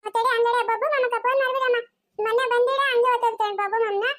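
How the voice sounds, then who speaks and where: A woman's voice: very high-pitched, steady tone, very fast, fairly bright tone, no room sound, studio quality, voice pushed up. A woman voicing a bossy little girl who pesters her grandmother with whiny, demanding questions, in a Chikkaballapur Kannada accent. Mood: pestering.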